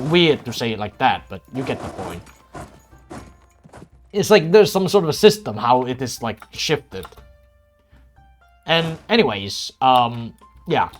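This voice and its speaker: A medium-pitched man whose first language is Cantonese chats casually while streaming a strategy game. His talk rambles, restarts often and is full of swearing.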